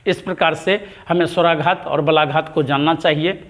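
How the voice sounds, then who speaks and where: A man teaching Hindi grammar in a dictation-style lesson, repeating each term slowly with long pauses between words. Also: fairly high pitch, fairly even intonation.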